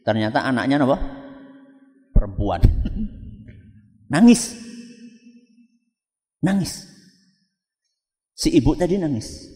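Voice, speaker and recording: Guy preaching, high voice swinging all over, slow, big hall echo. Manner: storytelling, animated, asks the audience questions. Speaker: Islamic preacher. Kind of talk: sermon with call-and-response.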